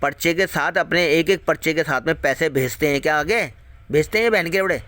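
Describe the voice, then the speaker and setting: In a dry recording, a man with a fairly high, slightly bright voice talks fairly quickly. He's a video host delivering an angry warning to viewers, a profane, heated rant that keeps repeating its points and tossing out rhetorical questions.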